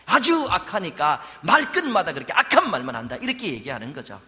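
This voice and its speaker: A male senior pastor preaching a sermon, swinging between loud rebukes and soft, gentle passages. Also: a little high, wildly swooping pitch, a little fast. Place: large church sanctuary. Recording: church hall with long reverb.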